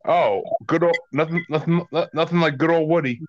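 A man in a casual podcast chat, throwing in dry, deadpan jokes. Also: a little high, fairly quick. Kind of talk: casual banter. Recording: dull lo-fi sound.

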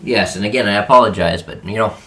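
A man's voice: on the low side, quick pace, bright, forceful tone. A man co-hosting a podcast, reading old articles aloud and joking, stumbling over hard words. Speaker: podcast co-host. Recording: echoey room.

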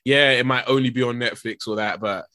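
A man hosting a casual gaming podcast, animated and laughing often, with many fillers. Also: mid-range voice, fairly quick. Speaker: podcast host. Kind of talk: casual chat.

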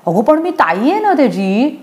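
A woman's voice: very animated, normal speed, darkish tone. A woman doing a sulky, whiny little girl. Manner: high whiny childish pleading.

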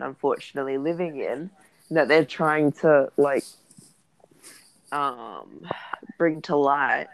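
Gravelly Australian woman in blunt, casual chat. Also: deep voice, poor audio. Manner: blunt, Aussie slang. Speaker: podcast co-host.

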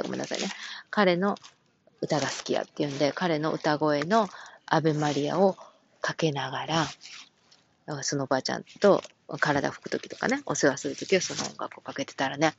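A woman with a Kansai accent, gently telling a personal story from her work as a caregiver, with many soft fillers. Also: deep voice, gravelly, highs cut off, slight background noise. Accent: Kansai Japanese. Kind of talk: casual radio-style talk.

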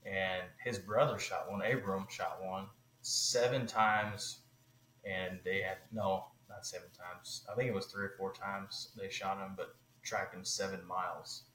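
A man, a podcast guest, telling a long story in a casual, animated way, with many fillers. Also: low-pitched, unhurried, echoey room, a little hiss or hum, low-quality recording.

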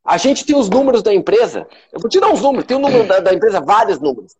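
A man's voice: high-pitched, sing-song, rapid-fire, crowd noise. A man with a Brazilian Portuguese accent hosting a motivational live stream, emphatic and repetitive, swearing freely. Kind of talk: motivational live talk to followers.

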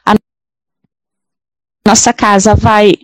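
A woman, a guest author, giving slow, halting answers on a live video call whose audio keeps breaking up and cutting out. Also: mid-range voice, flat delivery, dry recording, low-quality recording. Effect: choppy, breaking-up video call audio. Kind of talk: live-stream interview answers.

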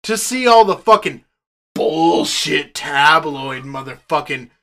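A man's voice: a little high, slow pace. A man co-hosting a casual podcast, ranting with heavy swearing. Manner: profane, ranting, animated. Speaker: podcast co-host.

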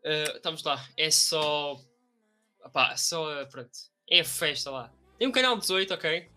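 Very bright, sharp-voiced young Portuguese man. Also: on the high side, a little slow, faint music behind. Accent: European Portuguese. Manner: slangy. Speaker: live stream and podcast co-host. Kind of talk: casual banter on a live stream.

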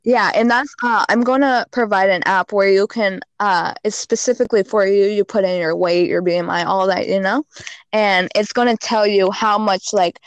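A woman's voice: medium pitch, fairly even intonation, normal speed, dry recording. A woman guest on a casual podcast, giving frank fitness and diet advice with lots of "like" and "you know.".

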